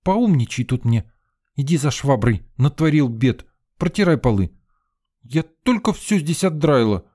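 A male reader voicing a bossy, quick-tempered young female student who scolds in a shrill, exasperated way. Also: sing-song, mellow. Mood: scolding.

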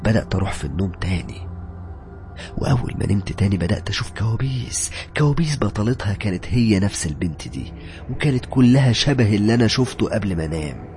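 A man with an Egyptian accent narrating a first-person horror story, dramatic and hushed at tense moments. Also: lowish voice, very animated, fast talker, music in the background. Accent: Egyptian Arabic.

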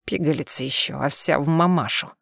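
A woman reading an audiobook, voicing a gruff, scornful cat-eared alien man in a lowered voice. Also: moderate pace, no room sound, studio quality.

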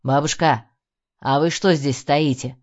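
A woman voicing a weary middle-aged male ex-detective who grumbles through his teeth in a lowered voice. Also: fairly even intonation, a little slow, a little mellow. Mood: gruff, weary. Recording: dull lo-fi audio.

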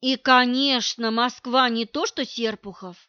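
A woman's voice: on the high side, fairly even intonation, measured pace, pushed and bright, clean tone, no room sound, muffled recording. A woman reading an audiobook voices a cold, scornful middle-aged wife who talks down to her rival in curt, dismissive lines.

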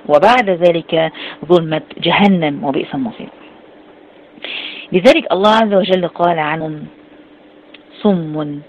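A woman with an Egyptian Arabic accent giving a lively religious lecture as a Quran exegesis teacher. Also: fairly low pitch, slight background noise, low-quality recording. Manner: animated, acts out quoted speakers.

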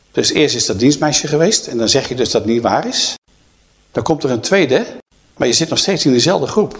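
A man's voice: mid-range voice, a little mellow. A middle-aged man preaching in a conversational, storytelling way, often adding tag questions. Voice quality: creaky. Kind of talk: sermon retelling a Bible story.

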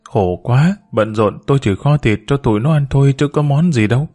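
A man's voice: mid-range voice, fairly quick, mellow, close to an everyday voice. A man voicing an anxious devoted caretaker woman. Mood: tender.

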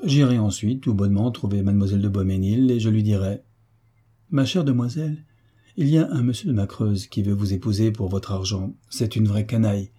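A man's voice: on the low side, brisk, dark tone, husky. A man voicing a blunt, affectionate old navy veteran who speaks frankly and firmly. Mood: indignant. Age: older. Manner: frank, firm, plain-spoken.

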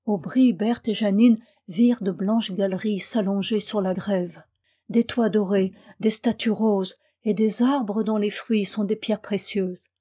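A woman reading a novel aloud as an audiobook, giving the characters expressive voices. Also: mid-range voice, unhurried, breathy edge. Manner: voices characters with emotion, rising to anguished cries. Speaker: audiobook reader.

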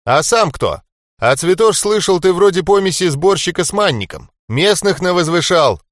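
Brash jeering bruiser, put on by a male audiobook reader, pitched up, bouncy delivery. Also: lively intonation, moderate pace, no echo, studio quality. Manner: loud, jeering, laughing taunts. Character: brash cocky swearing male fighter, mocking. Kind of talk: audiobook character voice.

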